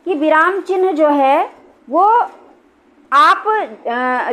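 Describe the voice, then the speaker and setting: A woman teacher explaining a grammar lesson, patient and repetitive, often checking that her students follow along. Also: very high voice. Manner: patient, repeats points and checks with "thik hai".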